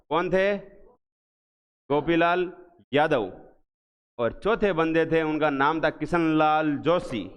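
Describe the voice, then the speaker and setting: A man teaching an exam revision class, asking questions again and again and answering them slowly and with emphasis. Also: a little high, clear, resonant tone. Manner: drills students with repeated questions, slow emphatic answers. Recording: echoey hall, dull lo-fi sound.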